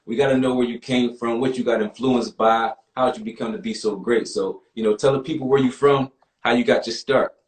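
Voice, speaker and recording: A man's voice: mid-range voice, fairly even intonation, a little fast, echoey room. A man hosting a live interview stream, laid-back and full of slang, encouraging his guest. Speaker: host.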